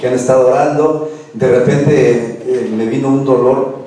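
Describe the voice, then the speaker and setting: A man's voice: mid-range voice, steady tone, unhurried, dark tone. A man with a Mexican accent preaching a sermon in a conversational way, repeating words and asking the audience questions. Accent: Mexican Spanish. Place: church hall. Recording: very echoey church hall, voice far off.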